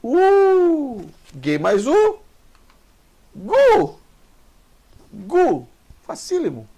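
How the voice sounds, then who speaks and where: A man gives an online Hebrew lesson, patiently repeating each letter sound, encouraging the learner and asking the viewer questions. His slightly high voice swings widely in pitch, moves slowly and is a little mellow with vocal fry.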